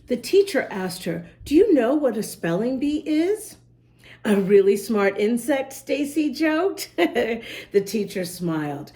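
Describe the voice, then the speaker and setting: Her voice is on the high side and slow as she reads a picture book to young kids, addressing them directly. This animated story reader and host spells words out letter by letter, sounding each one carefully.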